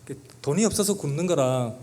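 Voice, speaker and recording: A middle-aged man preaches in a church with an earnest, emotional storytelling manner. His voice sits a bit high for a man. He speaks as a guest pastor sharing his own testimony. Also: lively intonation, fairly quick, mellow. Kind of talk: sermon testimony. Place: church sanctuary.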